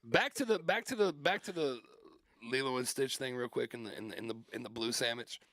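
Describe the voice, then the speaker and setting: Bright-voiced joking radio co-host man. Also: mid-range voice, a little fast, dry recording. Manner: joking, laughs often. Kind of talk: casual banter.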